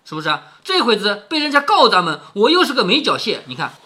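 A man's voice: high voice, huge pitch swings, quick pace, sharp tone. A man reading a classic novel aloud and commenting on it in a conversational way, often tossing in rhetorical tag questions.

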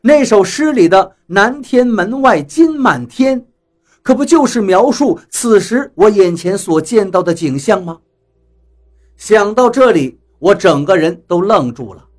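A man narrates a first-person adventure tale with a husky, slightly breathy voice. Faint music plays softly underneath the reading. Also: sits high. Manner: lively storytelling, slows and drops for quoted lines. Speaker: audiobook narrator.

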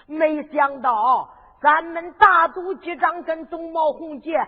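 A woman with a Henan accent voicing an old male monk in a zhuizi storytelling, who scolds tearfully and shouts in lament. The recording is tinny and echoing, with music behind. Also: extremely high pitch, takes it slowly. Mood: tearful scolding.

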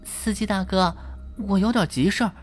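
A woman's voice: medium pitch, normal speed, faint music behind, close to an everyday voice. A woman voicing a self-assured young woman in her twenties who talks in a coaxing, playful way, in a storytelling performance. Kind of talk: storytelling voice acting.

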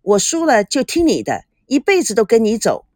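A woman voicing a relaxed young man who jokes and protects his companion, in an audiobook. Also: fairly high pitch, moderate pace, no echo, clean studio sound. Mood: easygoing.

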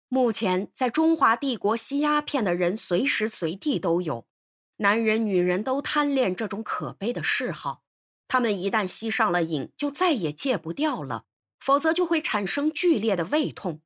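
Female storyteller, high and lively, expressive audiobook narration. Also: moderate pace. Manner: expressive, animated reading. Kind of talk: scripted narration of a novel.

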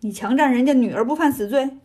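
A woman's voice: sits high, fast, mellow, slightly rough. Sun Wukong, put on by a woman: a cocky, teasing monkey king. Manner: teasing, swaggering.

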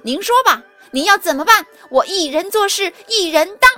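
A woman voicing a brave, eager seven-year-old boy who talks quick and childlike in a storybook tale. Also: very high voice, animated, bright, forceful tone, voice pushed up, full character voice. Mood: defiant.

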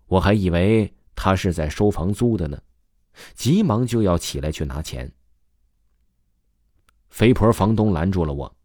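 A man's voice: low voice, a little mellow, no room sound, studio quality. A man narrating an audio story in the first person.

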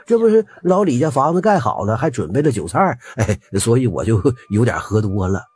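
A man's voice: medium pitch, big pitch swings, a little fast, a little mellow, a little hiss or hum, natural voice. A man voicing a tipsy, simple-hearted middle-aged farmer who talks easily and hesitates with fillers.

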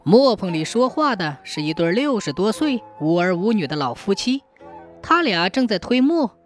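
A woman narrating a scripted folk tale in a lively, expressive storytelling manner. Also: medium pitch, normal speed, faint music behind.

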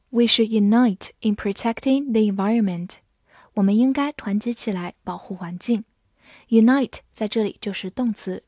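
A woman gives a scripted vocabulary lesson at an unhurried pace. She spells each word out letter by letter and reads the example sentences slowly, and the close mic sounds dry, with no room echo. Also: mid-range voice, warm tone. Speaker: English vocabulary teacher.

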